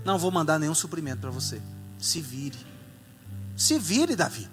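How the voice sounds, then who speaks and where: A man voicing a rude, stingy rich man who brushes off a request, in a fast, mocking way. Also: a little high, big pitch swings, fairly bright tone, soft background music. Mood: scornful.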